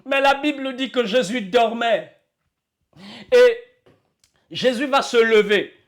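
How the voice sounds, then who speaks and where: A man preaching a church sermon with fervor, repeating his phrases and breaking into shouts and cries. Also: very high-pitched, slow pace. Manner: fervent, shouting and crying out in bursts, repeating phrases. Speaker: apostle preaching.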